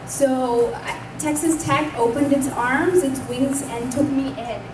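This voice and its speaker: High-voiced young woman in echoey hall. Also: steady tone, takes it slowly. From Pakistan. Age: 20s. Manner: earnest, conversational, speaks up loudly. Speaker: invited speaker at a community event. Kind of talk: personal testimony speech. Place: community hall. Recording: echoey room, distant mic, background noise.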